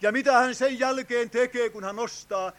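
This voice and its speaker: At a tent revival, an older man preaches an evangelistic sermon with fervent pleading, often letting out long, drawn-out cries of "oh" and appealing directly to his "friends." His voice is extremely high and fairly bright.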